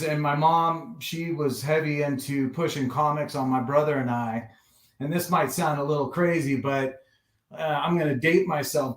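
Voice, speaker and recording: Roomy-sounding man in his forties. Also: a little high. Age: 40s. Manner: relaxed, rambling storyteller. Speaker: guest collector. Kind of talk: casual podcast chat. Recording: roomy echo.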